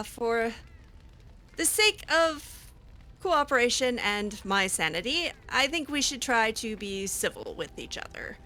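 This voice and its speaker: A woman's voice: mid-range voice, sharp tone. A woman hosting a game roleplay, talking back to characters with sarcastic, hesitant remarks and laughs. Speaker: roleplay game player and channel host.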